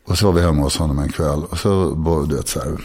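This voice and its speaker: A man in his sixties talking frankly and confessionally, halting often and restarting his sentences. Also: extremely low pitch, a little mellow, breathy edge. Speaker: guest. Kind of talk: candid personal conversation.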